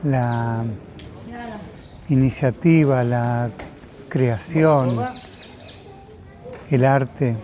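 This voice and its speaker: A man, speaking slowly and thoughtfully about his life, often pausing with filler sounds. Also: mid-range voice, a crowd in the background. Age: 70s. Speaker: interviewee. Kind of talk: reflective personal testimony.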